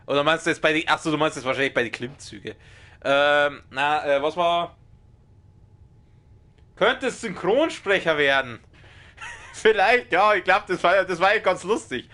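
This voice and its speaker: A young let's play streamer with a Bavarian accent commentates his game live in a loud, strong medium-pitched voice that can come across as shouting even in ordinary talk. He's excitable and quick to swear at the game.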